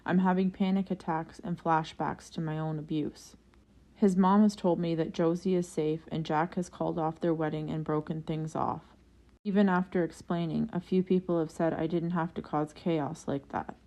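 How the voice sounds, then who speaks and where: A woman narrates a first-person forum post in a steady storytelling read. Her voice sits a little low. She keeps an even narrating manner throughout. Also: normal speed.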